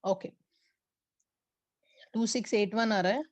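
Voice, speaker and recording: A woman physics teacher, mixing Hindi and as she teaches an online class and slowly repeats numbers for her students. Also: medium pitch, steady tone, no echo. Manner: mixes Hindi and English.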